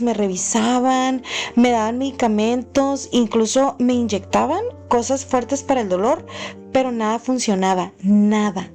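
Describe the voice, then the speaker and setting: Woman with a high voice telling a ghost story. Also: dark tone. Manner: earnest, unhurried storytelling with frequent fillers. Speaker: channel host. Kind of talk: narrating a personal paranormal story.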